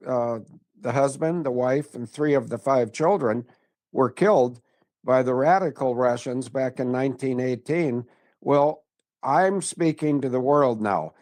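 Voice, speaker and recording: A man's voice: medium pitch, darkish tone. A man in his seventies, a regular commentator on a talk show, speaking in a blunt, rambling way that drifts from one tangent to the next. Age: 70s. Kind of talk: casual chat.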